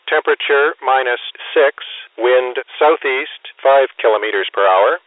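Guy reading marine radio weather, steady clipped delivery, thin tinny vhf sound, dry. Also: mid-range voice, no room sound. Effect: marine weather radio broadcast heard through a VHF receiver. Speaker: weather forecast announcer. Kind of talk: read weather forecast.

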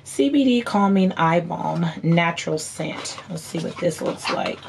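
A woman in her thirties with a hoarse, worn-out voice, chatting casually and folksily as a beauty vlogger showing products. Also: fairly low pitch, lively intonation, measured pace, very noisy. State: hoarse, voice partly lost from screaming. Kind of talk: casual chat unboxing haul. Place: indoor room at home.

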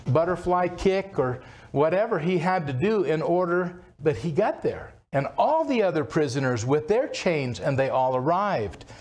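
Through a microphone fixed to the wooden pulpit, a man in his sixties preaches a sermon indoors from the church platform. The pastor's voice is fairly high and a little mellow as he tells a story in a conversational way, often starting over mid-thought.

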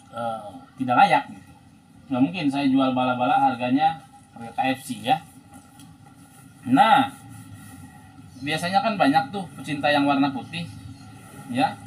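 Casting: male market-hawker type, thirties, Sundanese accent, mid-pitched, chatty live seller, some background noise on a phone. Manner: chatty market-hawker patter with repeated tags and catchphrases. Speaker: second-hand bag seller. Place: indoors in a room piled with bags. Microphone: phone propped at about arm's length or further. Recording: noisy room, phone recording.

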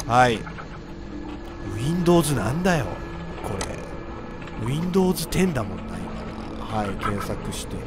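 A man giving live horror reaction commentary, jumpy and frightened, often repeating his words. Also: mid-range voice. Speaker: gaming video host. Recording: music under the voice.

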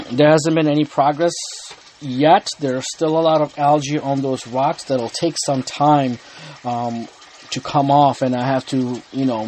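This aquarium channel host talks to the camera from the indoor home room where his tank is, explaining it in a relaxed, unhurried way and often restarting or saying um. The man's medium-pitched voice is a little mellow. It's a rough recording with a bit of noise behind him.

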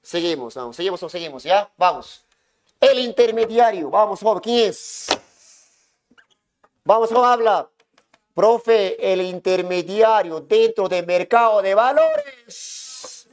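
A man lecturing a classroom as economics teacher, hushing students and repeating himself to make points stick. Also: high-pitched, animated, slow. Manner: keeps hushing and calling on students, repetitive.

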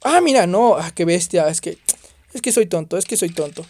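A man doing excitable let's play commentary on a horror game, exclaiming and swearing at the scares. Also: high-pitched, moderate pace. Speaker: gaming youtuber.

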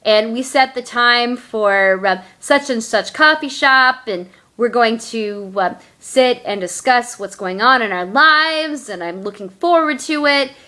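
A young adult woman telling a personal story in her vlog, earnest and halting, with many fillers. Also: on the high side, pushed and bright. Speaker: vlogger.

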